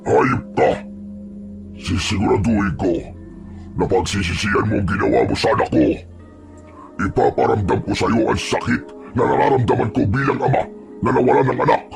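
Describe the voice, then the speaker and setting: A man voicing a vengeful male aswang villain who taunts slowly and threateningly, in a horror story narration. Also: low voice, gravelly. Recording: music playing behind.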